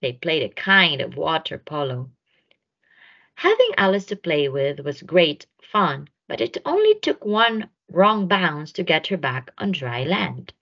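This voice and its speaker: A storyteller reads a picture book to young listeners, slowly and with very lively intonation, leaning on words for effect. Her lowish voice has a husky edge, and the recording sounds dull and lo-fi.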